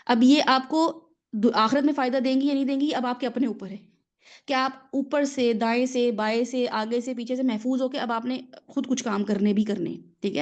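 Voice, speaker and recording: A woman's voice: on the high side, darkish tone. A woman who is a mother gives a conversational religious lesson, explaining patiently with everyday examples and often checking in with her listeners. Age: adult mother of children. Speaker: religious teacher.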